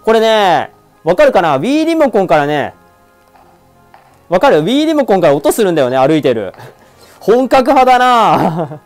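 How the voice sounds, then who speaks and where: Excitable man joking at the screen. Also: sits high, normal speed, long pauses, soft background music. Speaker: let's-play streamer. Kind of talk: casual game commentary.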